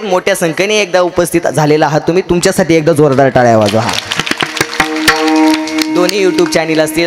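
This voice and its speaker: A man preaching a devotional kirtan sermon in a festival pandal, building long rhythmic lists that rise to shouts and breaking into chatty asides to the crowd. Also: on the high side. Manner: chatty asides to audience and children.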